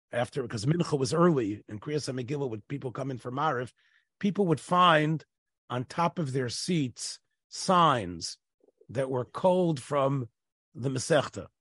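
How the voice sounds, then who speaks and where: A man's voice: medium pitch, dry recording, clean studio sound. Inquisitive male podcast host. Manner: inquisitive, sprinkles in yeshiva Hebrew and Yiddish terms. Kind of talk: casual podcast interview.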